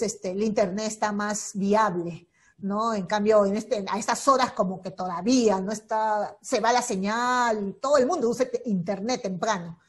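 A woman teacher giving an online lesson on a video call, patiently repeating key points and checking in constantly with her students. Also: medium pitch. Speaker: secondary school teacher. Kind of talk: online class explanation.

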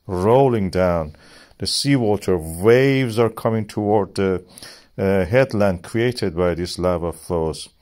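Slow, emphatic man explaining volcanoes. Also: deep voice, a little mellow. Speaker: channel host explaining geology. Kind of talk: narrated science explainer.

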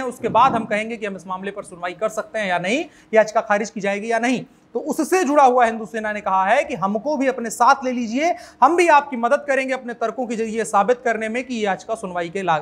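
A man's voice: extremely high pitch, a bit bright. Young male news presenter, talks to camera, explains and restates, gesturing, lapel mic. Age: young adult. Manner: explains at length, restates points, some false starts; gestures with hands while talking. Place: in front of a green screen with news images.

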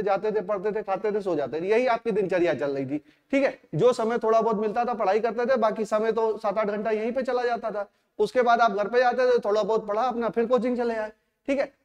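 A man with a very high voice speaks to his exam students in a fatherly, repeating way, calling them "beta". The sound rings with a long echo off the hard walls of a classroom. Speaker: coaching teacher. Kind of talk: motivational talk to students. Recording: echoey hall.

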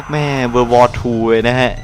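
Excitable man narrating his gameplay. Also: medium pitch, extremely slow. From Thailand. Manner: excitable, swears and laughs often, exclaims at the action. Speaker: gaming channel host. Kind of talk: casual live gameplay commentary.

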